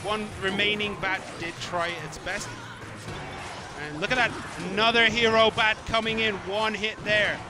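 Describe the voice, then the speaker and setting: A man casting an esports match, with quick, excitable play-by-play and reactions. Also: high voice. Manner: excitable, quick reactions, mock-scolds the player. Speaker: esports caster. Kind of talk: play-by-play commentary.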